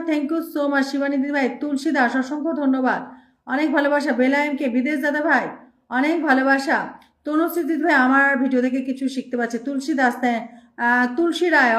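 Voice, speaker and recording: A woman's voice: high voice, fairly even intonation, moderate pace, fairly bright tone, echoey room. A woman hosting a live stream, reading out viewer names and thanking them one after another in speech.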